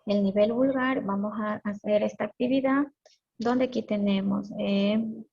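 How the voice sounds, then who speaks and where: A woman's voice: mid-range voice, steady tone, unhurried, gravelly, breathy edge. A woman teacher giving a live online class, explaining steadily and checking in with her students often. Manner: checks in with frequent "¿sí?". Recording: dull lo-fi stream audio.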